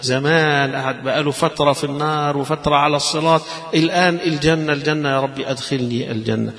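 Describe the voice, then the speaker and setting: A man's voice: a little high, steady tone, fast, fairly bright tone. An Egyptian-accented man voicing a humble man who pleads and repeats his request to enter paradise, in a sermon story. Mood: longing. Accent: Egyptian Arabic. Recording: long hall reverb.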